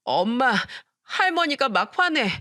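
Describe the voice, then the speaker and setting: A woman's voice: high-pitched, sing-song, measured pace, bright, forceful tone, dry recording, clean studio sound, voice pushed up, full character voice. A woman voicing a tearful eight-year-old boy in a radio story. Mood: tearful pleading. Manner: tearful, pleading.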